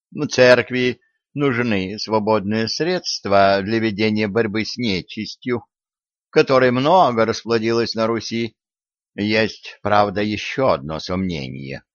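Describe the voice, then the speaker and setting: A man voicing an elderly patriarch who speaks slowly in a measured, fatherly manner. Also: mid-range voice, no room sound. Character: elderly male patriarch, calm, dignified, shrewd. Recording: dry, dull lo-fi audio.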